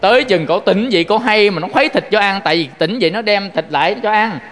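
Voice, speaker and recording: A monk with a Southern Vietnamese accent delivers a Buddhist sermon in a large hall, full of folksy stories and frequent direct remarks to the audience. He talks fast, and his voice sits high with a slightly bright quality.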